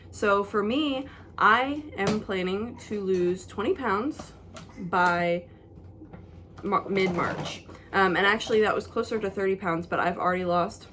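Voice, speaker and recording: A woman's voice: mid-range voice, a bit bright, slight background noise. A young woman talking to camera from her bedroom in a chatty, slightly scripted vlog, with her toddler heard in the background. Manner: chatty and apologetic, a bit scripted. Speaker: vlogger. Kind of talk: casual vlog talk to camera. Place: bedroom at home. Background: toddler noises in the background.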